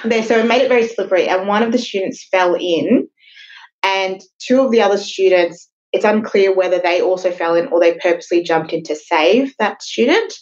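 A woman co-hosting a casual podcast, conversationally recounting a legal case with quick fillers. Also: mid-range voice, dull audio. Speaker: podcast co-host.

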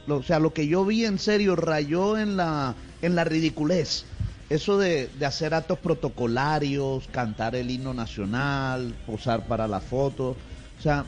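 A man's voice: fairly high pitch, a little mellow. A man, a sports radio panelist who asks pointed, incredulous questions.

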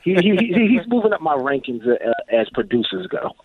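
A man's voice: fairly high pitch, big pitch swings, brisk. A man calling in to a sports radio show, chatty and rambling, with stumbling restarts. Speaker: caller. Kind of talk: call-in sports chat. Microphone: telephone. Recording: tinny phone line.

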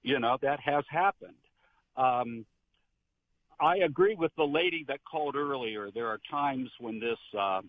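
An older man, a retired pastor, calling in to a radio show on a speakerphone and telling stories in an earnest, meandering way. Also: medium pitch. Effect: speakerphone on a phone line. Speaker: caller, retired Protestant pastor. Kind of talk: call-in radio chat. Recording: tinny speakerphone call with faint background noise.

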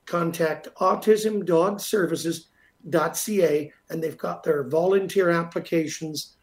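A man's voice: fairly high pitch, fairly even intonation, a little slow. A Canadian man hosting live radio talk and making announcements, repeating details for emphasis. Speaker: radio talk show host.

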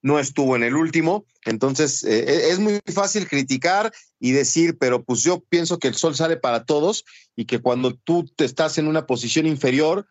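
A man's voice: on the high side, moderate pace, no room sound, highs cut off. A man giving opinions on a casual sports podcast, fond of sayings.

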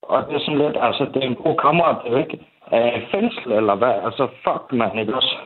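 A young man speaks in a candid interview, his sentences full of restarts, fillers and swearing. His voice sits at an average pitch. The recording sounds narrow and tinny, like a phone line. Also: animated, a crowd in the background. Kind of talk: candid interview about family conflict.

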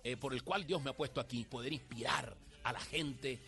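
A man, a singer and actor, chatting as a guest in an interview, enthusiastic and quick to laugh. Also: mid-range voice, gravelly. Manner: warm, enthusiastic, laughs easily. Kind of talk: casual interview chat.

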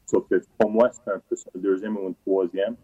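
A man with an accent of his own, a hockey analyst guest joining remotely, halting and repeating words. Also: deep voice, steady tone, mellow, no echo. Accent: French with a non-Québécois lilt. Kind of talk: remote interview. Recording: dull remote line.

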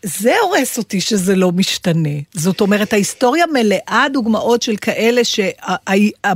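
A woman's voice: mid-range voice, lively intonation, slightly rough, dry recording, clean studio sound. Talkative woman thinking aloud. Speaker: radio co-host. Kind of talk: casual talk-radio discussion.

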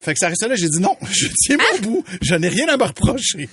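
A man's voice: high-pitched, fairly quick, husky, no echo. A man with a Quebec French accent hosting a radio show, telling a story in casual chat and laughing as he goes. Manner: animated, laughs while telling stories.

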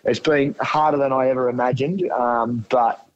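A man's voice: mid-range voice, steady tone, normal speed. Blokey Australian man on a muffled phone. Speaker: phone-in guest, charity walker. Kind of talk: casual interview storytelling. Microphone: phone call.

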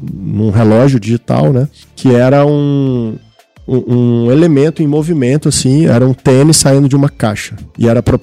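A man's voice: mid-range voice, creaky, mellow, no room sound. A man telling anecdotes as an interview guest, hesitant and full of fillers. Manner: storytelling, hesitant, many fillers. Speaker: guest, company co-founder.

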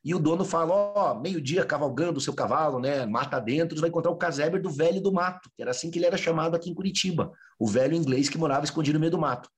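A man's voice: fairly high pitch, fast, few pauses. A man, a researcher, telling a historical story in an interview, animatedly acting out the dialogue of its characters.

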